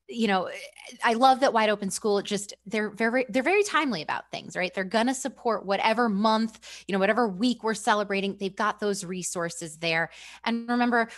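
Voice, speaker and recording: A woman's voice: mid-range voice, moderate pace. A woman hosting a school webinar over a video call, chatty and upbeat, laughing often and using lots of fillers. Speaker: webinar host for school staff. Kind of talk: casual presenting on a video call.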